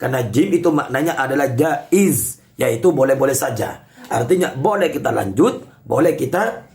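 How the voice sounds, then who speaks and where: A man's voice: medium pitch, expressive, moderate pace, darkish tone. A man teaching Quran recitation rules in an online lesson, patiently explaining each point step by step. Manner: addresses listeners as congregation.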